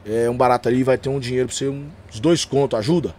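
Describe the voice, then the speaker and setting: A man with a São Paulo accent rattles off his stories at a quick clip, full of slang. He acts out each exchange as he tells it, in the easy style of a podcast guest. A faint room ambience sits under his voice. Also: mid-range voice, slight background noise. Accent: São Paulo Portuguese. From São Paulo, Brazil. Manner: animated slangy storyteller, acts out dialogue. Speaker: podcast guest, gospel rapper and preacher. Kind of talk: casual storytelling chat.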